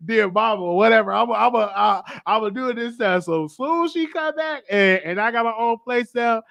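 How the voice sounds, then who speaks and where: Host, man in his 20s, Southern accent, high voice, dry close sound, casual live storytelling. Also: a little fast, vocal fry, dry recording. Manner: animated, repeats phrases, slangy. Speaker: show host.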